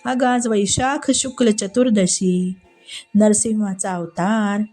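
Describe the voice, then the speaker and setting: Woman playing devout young queen, earnest, gently insistent, mellow, faint music. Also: mid-range voice, steady tone, takes it slowly. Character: devout young queen saint, calm and fearless.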